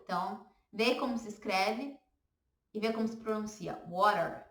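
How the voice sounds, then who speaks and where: A woman's voice: medium pitch, normal speed. A woman with a Brazilian Portuguese accent teaching a beginner English lesson, patiently repeating words for learners to echo.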